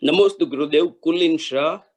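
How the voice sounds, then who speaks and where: A man's voice: on the high side, moderate pace, darkish tone. A man devotee politely and a little hesitantly introducing his question.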